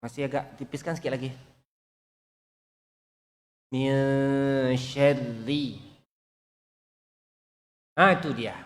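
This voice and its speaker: A man's voice: medium pitch, racing, few pauses, pushed and bright. A man teaching Quran recitation, patiently repeating sounds for students to copy. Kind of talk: online recitation class. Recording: long reverb.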